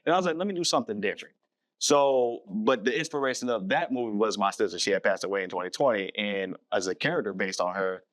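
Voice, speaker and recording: Low-voiced Southern man, rambling. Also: quick pace, hardly any pauses, a bit bright, no echo. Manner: rambling, self-correcting, laughs easily. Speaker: filmmaker guest. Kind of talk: casual podcast interview.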